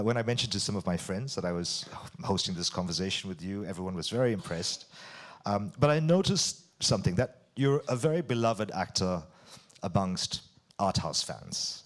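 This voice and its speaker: A man with a fairly low voice hosts a conversation as interviewer. His intonation is very lively, and he phrases prepared questions deliberately and articulately. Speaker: interviewer hosting an on-stage conversation.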